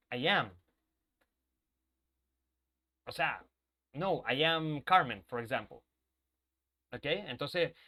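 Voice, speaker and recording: A man teaching an online English grammar class, explaining step by step and checking in often with his students, sometimes drifting away from the mic as he moves to the board. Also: a little high.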